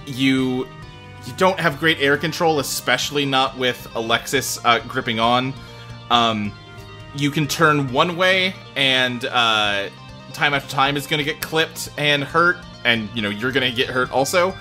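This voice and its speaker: Man, game master, bright forceful tone, conversational improvised narration, light music behind. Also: mid-range voice, unhurried.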